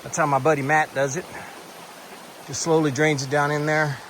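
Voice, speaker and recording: A man's voice: fairly high pitch, little pitch movement, normal speed, a bit bright, a little hiss or hum. An older man from Texas, vlogging a hike outdoors on a forest trail into a handheld camera, rambling in a folksy way as he gives friendly advice. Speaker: hiker vlogger. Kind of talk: casual trail vlog.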